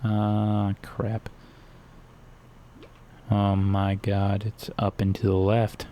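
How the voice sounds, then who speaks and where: A man's voice: lowish voice, completely flat delivery, extremely slow, mellow, a little hiss or hum. A young man giving casual, rambling commentary while playing a video game, cracking crude jokes as he goes. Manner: rambling, joking, crude humor. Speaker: gaming streamer.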